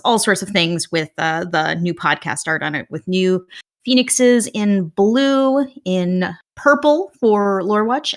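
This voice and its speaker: A woman's voice: mid-range voice, a bit bright. A woman co-hosting a podcast in a casual, conversational style. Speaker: podcast co-host.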